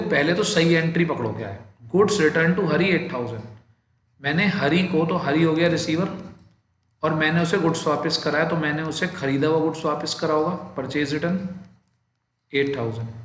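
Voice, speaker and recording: Male Indian tutor, patient step-by-step lecture delivery with slow dictation, in a reverberant room. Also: fairly high pitch, a bit bright. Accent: Indian English mixed with Hindi. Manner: explains step by step, addresses students as "beta", slows down to dictate entries. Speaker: accountancy teacher. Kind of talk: classroom lecture.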